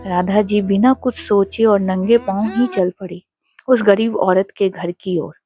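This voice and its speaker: A woman's voice: medium pitch, fairly even intonation, a little slow, mellow, faint music behind. Woman narrating an emotional devotional story.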